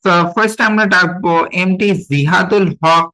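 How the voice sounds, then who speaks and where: Man, Bengali accent, online English teacher, slightly high voice, repeats words for learners. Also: pushed and bright, poor audio. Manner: slow, repeats each word several times for learners. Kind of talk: online spoken English class. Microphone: video call.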